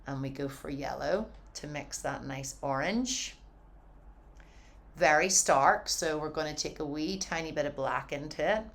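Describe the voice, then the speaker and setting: A woman giving a casual, encouraging painting tutorial from her studio, chatty and often saying "wee". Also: sits low. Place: home art studio.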